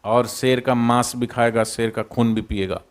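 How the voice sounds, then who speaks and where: A man's voice: medium pitch, flat delivery, moderate pace, natural voice. Man doing a nagging mother jackal. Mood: scolding. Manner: scolding, exasperated. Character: frightened, impatient female jackal mother.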